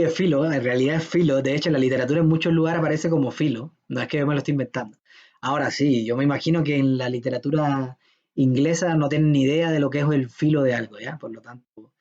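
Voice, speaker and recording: A man's voice: medium pitch, a little mellow. A man giving an informal programming lecture in a chatty, joking manner, often checking that his students follow. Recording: dull lo-fi lecture recording.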